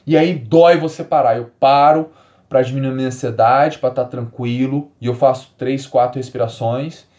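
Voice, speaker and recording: A man in his forties from Brazil, hosting a solo health podcast and explaining ideas with emphatic repetition, then easing into calm, soft phrasing. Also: medium pitch, normal speed. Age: 40s. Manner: animated, emphatic, repeats key words, drops to calm soft tones. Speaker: podcast host.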